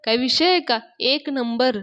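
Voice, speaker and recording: A woman's voice: high voice, a little slow, fairly bright tone. A woman voicing a young man who is an eager, bossy helper and speaks in a pushy, coaxing way. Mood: urging.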